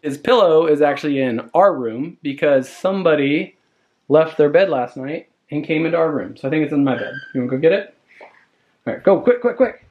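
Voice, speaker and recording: Speaking fairly fast in a fairly high voice, an American dad in his thirties narrates a house tour for his family vlog, playfully coaxing the kids along. The sound is phone-quality and noisy, coming from a handheld camera held at arm's length indoors.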